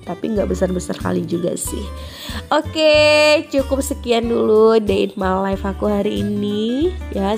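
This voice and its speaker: A woman's voice: medium pitch, gravelly, a little mellow. A woman with a congested, nasal sound from a head cold, chatting as a friendly home vlogger to fellow mothers. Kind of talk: chatty vlog voice-over narration. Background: music.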